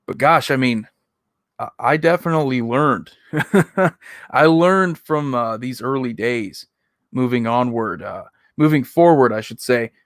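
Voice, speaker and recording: A man with an average-pitched voice gives casual reaction commentary. He rambles conversationally and is critical of himself. The recording is dry, with little room sound. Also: lively intonation, measured pace, no room sound. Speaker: video host reacting to own old videos.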